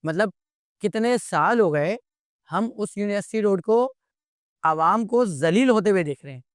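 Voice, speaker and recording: A man's voice: sits high, expressive, a little slow, clean tone, no room sound, studio quality. A man, speaking as an interview guest in a heated, exasperated way and firing off rhetorical questions. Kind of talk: impassioned interview commentary.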